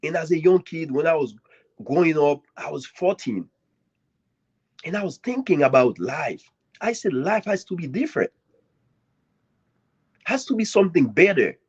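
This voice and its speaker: A man from Haiti, a guest author giving an earnest, grateful speech at a live author event, with swinging emphasis and long dramatic pauses. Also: on the high side, very animated, slightly rough. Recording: dull lo-fi audio.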